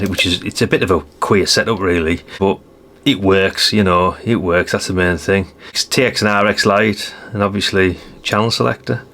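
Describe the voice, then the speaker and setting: A British man with a deep, sharp-toned voice hosts a radio hobby channel and gives a casual hands-on showcase on video. He is chatty and rambling, often tacking tag questions onto his sentences.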